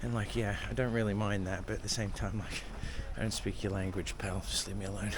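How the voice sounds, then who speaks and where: Here a young Australian travel vlogger chats casually while strolling through the old town, camera held up and a stray curse slipping out. The voice is on the low side with a flat, even tone and a brisk pace. Clear traffic and street noise surround him.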